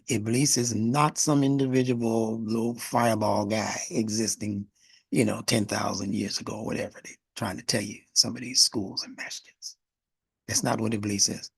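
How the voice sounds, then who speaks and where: Male lecturer, gravelly and a bit husky, emphatic teaching delivery, dry close sound. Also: medium pitch, no room sound. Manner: emphatic, breaks words apart to teach. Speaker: instructor. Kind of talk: spiritual lecture on word origins.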